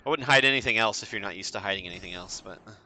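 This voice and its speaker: A man's voice: fairly low pitch, racing, pushed and bright. A man in casual voice chat, coaching another player through a raid in a laid-back way, swearing and laughing often. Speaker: raid carry host. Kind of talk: casual voice chat while gaming.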